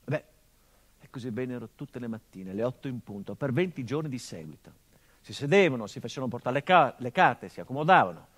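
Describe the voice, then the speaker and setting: Playing a son who recalls his father, a male actor gives a theatrical monologue in an expressive, mid-range voice with a fairly bright tone. The delivery stays measured and intimate at first, then builds to urgency.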